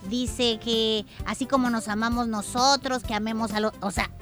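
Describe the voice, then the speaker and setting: Bright-voiced woman hosting a children's show. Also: fairly high pitch, normal speed, soft background music. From El Salvador. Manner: warm, lively, speaks directly to children. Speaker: children's radio show co-host.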